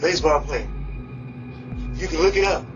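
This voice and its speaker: Desperate, higher-pitched man pleading into doorbell. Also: moderate pace. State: distressed. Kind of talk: speaking into a doorbell intercom. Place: outdoors at a front door. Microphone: doorbell camera microphone. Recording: muffled far-off doorbell camera audio, music behind.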